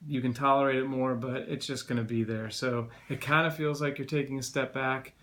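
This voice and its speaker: A man's voice: mid-range voice, steady tone, a little fast, a bit bright. A man recovering from throat surgery with a sore throat talks casually in a rambling, conversational way, like a personal vlog update. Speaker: video blogger.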